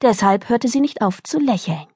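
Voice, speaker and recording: A woman narrating a children's book in a lively storytelling manner, recorded close to a studio mic. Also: on the high side, moderate pace, husky, no echo. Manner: lively storytelling, voicing characters. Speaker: audiobook narrator.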